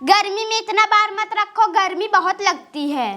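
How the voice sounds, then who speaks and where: A woman's voice: very high-pitched, moderate pace, heavy background noise. A woman with an Awadhi accent playing a pampered, newly married young daughter who shows off and whines in a comedy sketch. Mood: boastful. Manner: showing off, whiny.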